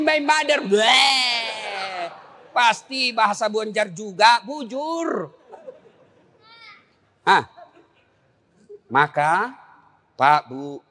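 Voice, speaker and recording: A middle-aged man with a South Sulawesi accent preaching a comic sermon, animated and joking, swinging between high and low registers. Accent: South Sulawesi (Makassar) Indonesian. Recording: long hall reverb.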